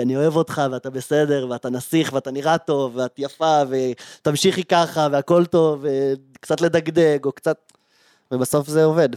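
A man's voice: a little high, dry recording. Podcast host, male, storyteller who acts out quotes, dry close mic. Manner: animated, acts out quoted dialogue. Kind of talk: casual storytelling chat.

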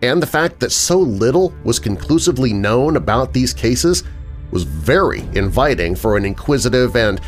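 A man reading a first-person horror story as a measured, dramatic narrator. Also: mid-range voice, sing-song, faint music behind.

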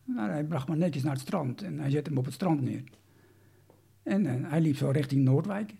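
Gravelly, husky man telling his story. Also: a little high, animated, moderate pace, dark tone. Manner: hesitant, many restarts and fillers. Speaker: interviewee. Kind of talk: recounting a personal story.

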